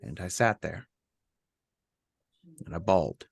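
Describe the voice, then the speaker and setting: A middle-aged man with a low voice recounts a personal story for a podcast, stopping and restarting often with ums. The sound is close and dry, with almost no room around it. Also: very animated, gravelly, breathy edge, dry recording. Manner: halting, with many ums and restarts. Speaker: podcast co-host.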